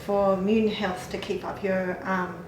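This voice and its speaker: A clinic staff member gives supplement advice, explaining vitamins and herbs in a casual, chatty way with lots of fillers and small laughs. Her mid-range voice is level and a little slow, recorded in an echoey room with a distant mic and background noise.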